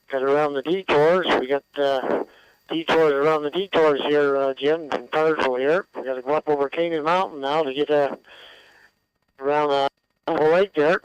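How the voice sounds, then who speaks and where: A man chats casually and haltingly over a two-way radio with some static. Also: on the high side, clean tone, no echo, lo-fi sound. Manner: halting, meandering. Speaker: amateur radio operator checking in. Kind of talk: casual ham radio chat.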